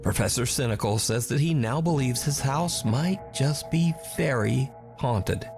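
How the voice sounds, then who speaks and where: A man giving a measured, dramatic scripted narration of eerie events. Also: mid-range voice, expressive, creaky. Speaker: show narrator. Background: background music.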